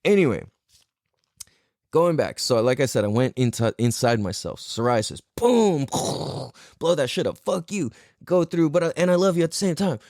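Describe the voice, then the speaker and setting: A man's voice: medium pitch, darkish tone, no room sound. Man, American, podcast host, rambling casual story, curses a lot, mid-range voice, dry close sound. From United States. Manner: profane, rambling, laughs often.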